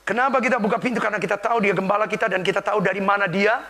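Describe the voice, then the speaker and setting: A man preaches with a high, bright voice and a gravelly edge. He tells the story with drama, dropping to a hushed whisper one moment and shouting the next. The delivery is a full church sermon. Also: steady tone, rapid-fire. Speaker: pastor.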